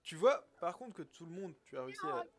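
High-voiced French game master. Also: male voice, sing-song, fast, a crowd in the background. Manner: narrates outcomes, asks players for dice rolls. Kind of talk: narrating a tabletop game.

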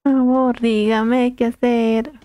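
High-voiced chatty woman streamer. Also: flat delivery, slow, mellow. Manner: chatty, reads chat aloud, laughs often. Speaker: game streamer. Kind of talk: casual live-stream chat.

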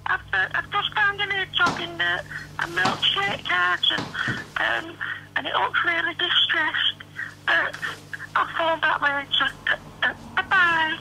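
A woman's voice: extremely high pitch, fairly even intonation, a little slow, creaky, long pauses, roomy sound, exaggerated voice, rough recording. A woman as a flustered caller's voicemail. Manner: hesitant, full of uhs and ums. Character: nervous young woman caller leaving a message. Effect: voicemail message played back on an answering machine.

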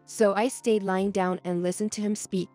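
A young adult woman reading a first-person story aloud as narrator, in a soft, earnest storytelling manner. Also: mid-range voice, fairly even intonation, moderate pace, faint music behind.

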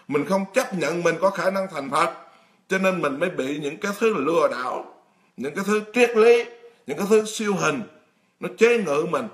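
Blunt monk preaching. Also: male voice, fairly high pitch, fairly bright tone. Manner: blunt, emphatic, addresses the congregation directly. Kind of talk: dharma talk sermon.

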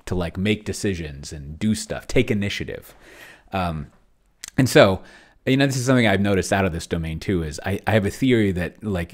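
Indoors at his computer, a solo tabletop roleplayer and video host gives casual screen-share commentary in a deep, slightly mellow voice. He thinks aloud in a rambling, hesitant way, with wry, self-deprecating humour.

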